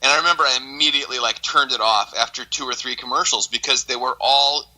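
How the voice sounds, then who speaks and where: A man in his thirties co-hosting a casual podcast, telling animated stories and acting out what people said. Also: medium pitch, fast talker, poor audio. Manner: animated storyteller, acts out quotes. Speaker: podcast co-host. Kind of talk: casual chat.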